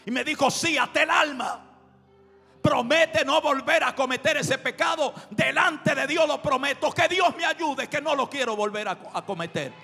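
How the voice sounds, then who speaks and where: A male pastor preaching a sermon with impassioned shouting and storytelling. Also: very high voice, moderate pace, gravelly. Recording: reverberant hall with music behind.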